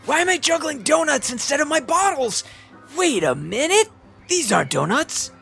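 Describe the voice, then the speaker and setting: A woman's voice: high voice, big pitch swings, normal speed, creaky, fairly bright tone, faint music behind, full character voice. A woman playing an alarmed, baffled parade juggler in a children's audio story.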